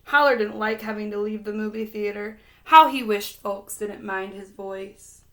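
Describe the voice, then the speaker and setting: A woman narrating a children's storybook aloud in an expressive read-aloud style. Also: mid-range voice, moderate pace. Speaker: storybook reader.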